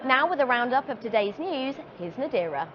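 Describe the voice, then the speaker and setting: A woman's voice: high voice, big pitch swings, a little fast, lo-fi sound. Upbeat woman presenting news, noisy ambience. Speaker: trade show news presenter.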